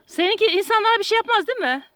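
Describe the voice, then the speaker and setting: A woman's voice: very high voice, lively intonation, racing, a bit bright. A woman on a walk outdoors, chatting casually and calling to dogs in a coaxing, affectionate voice, recorded on a handheld phone. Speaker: vlogger walking her dog. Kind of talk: casual chat, talking to dogs. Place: outdoors on a country path.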